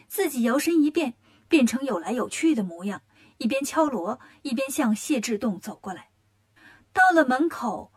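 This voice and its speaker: Woman reading a kids story, fairly high voice, lively and expressive. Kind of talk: children's story narration.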